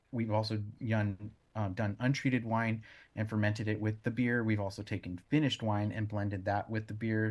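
A man being interviewed as a brewer, explaining casually in a halting way as he searches for words. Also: fairly low pitch, a little mellow.

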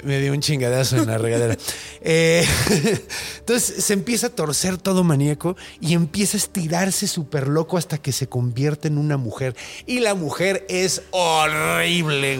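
A man's voice: on the high side, normal speed, creaky. A Mexican man hosting a podcast and telling a story casually, full of slang and curses. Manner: slangy, profane, animated. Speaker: podcast host.

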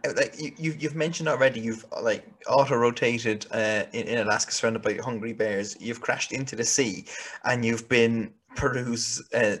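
A man's voice: medium pitch, fairly bright tone. A man hosting an interview, asking hesitant questions and adding dry quips. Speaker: interviewer host. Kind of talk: casual interview.

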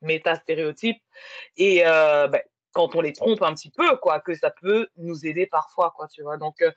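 A woman's voice: deep voice, moderate pace, no echo. A woman telling a long personal story in casual conversation, with many fillers. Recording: muffled lo-fi sound.

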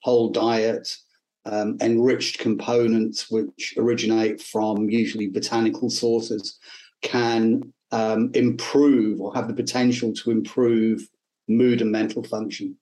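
A middle-aged neuroscience professor from the north and Midlands of England, with an English accent, is a guest in an academic interview, answering in a hesitant, thoughtful and measured way. His voice is fairly low, level and mellow, in a low-quality recording.

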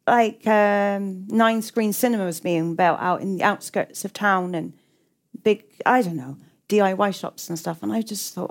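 A middle-aged woman from England, speaking with an English accent in a mid-range voice, gives reflective interview answers as a writer. She is hesitant, often repeating and restarting what she says.

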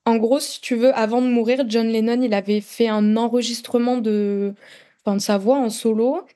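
Soft-toned French woman, hesitant chat. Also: a little high, fairly even intonation, normal speed. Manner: hesitant, many fillers and restarts. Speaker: podcast guest, content creator. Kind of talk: casual interview chat.

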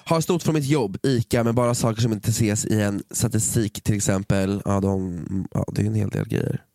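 A man's voice: on the low side, warm tone, no room sound. A man co-hosting a podcast in casual chat, reading out listener confessions and reacting with short, teasing remarks.

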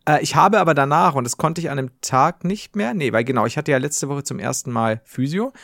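A man hosting a casual podcast, telling an anecdote in an animated way and laughing often mid-story. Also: on the high side, fairly quick, vocal fry, dry recording, studio quality. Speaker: podcast host.

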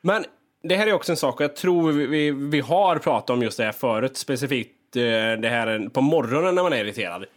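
A man's voice: medium pitch, animated. A man in a casual podcast chat, talking animatedly and swearing freely while he acts out his own grumbling. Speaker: podcast co-host.

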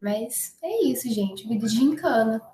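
A woman's voice: fairly high pitch, animated, a little slow, warm tone. Chatty woman hosting a podcast. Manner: chatty, addresses the guests directly. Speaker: podcast host. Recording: roomy echo with faint noise.

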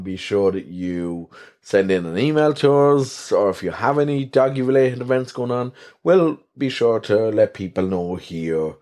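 An Irish podcast host chats casually on his own in a rambling, self-deprecating way. His voice is soothing, lowish and darkish in tone.

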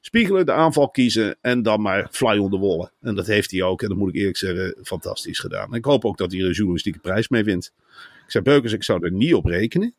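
A man's voice: lowish voice, expressive, quick pace, no echo, studio quality. A man, co-hosting a podcast, spinning long mocking comic riffs in casual chat. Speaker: podcast co-host.

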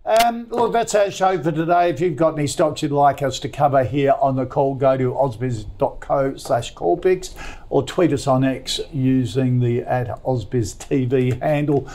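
A man hosting a finance chat show and recapping stock picks in a relaxed, steady way. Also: mid-range voice, normal speed. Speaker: show host.

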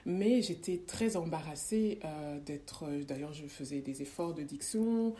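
Hesitant woman with a mellow voice. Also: low voice, expressive, measured pace. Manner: hesitant, many fillers and restarts. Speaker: guest. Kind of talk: casual interview.

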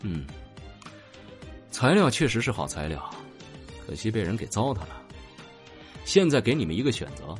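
A man's voice: fairly low pitch, sing-song, moderate pace, pauses often. A man playing an arrogant young fighter with great power, who speaks in a curt, mocking and coolly commanding way, with faint music behind him. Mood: cold, scornful.

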